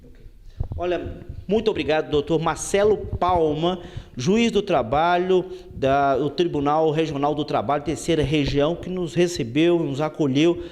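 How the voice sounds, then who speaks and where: A man's voice: on the high side, unhurried, a little mellow. A man from Brazil, a radio reporter, politely questioning and thanking a guest. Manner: polite, addresses guest as doctor. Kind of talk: interviewer questions and sign-off.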